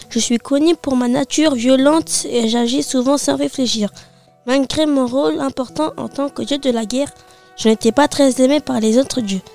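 A woman's voice: high-pitched, creaky, a little mellow. A woman voicing a violent male god of war, reciting plainly. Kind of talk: reciting a mythology monologue.

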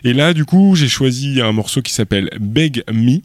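A man hosting a music radio show in casual chat, relaxed and hesitant, with many fillers. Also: medium pitch, moderate pace, no echo, studio quality. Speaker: radio host.

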